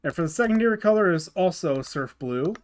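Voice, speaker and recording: A man's voice: sits high, lively intonation, a little fast. A man hosting his gaming channel, talking through a car build in a casual tutorial voice-over, often stopping to restart and repeat words.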